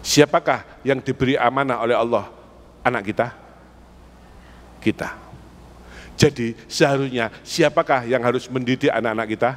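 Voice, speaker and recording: A man's voice: mid-range voice, moderate pace, long pauses. A man with an East Javanese accent preaching an Islamic sermon in a mosque, putting rhetorical questions to the congregation and pressing them for answers. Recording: echoey mosque hall.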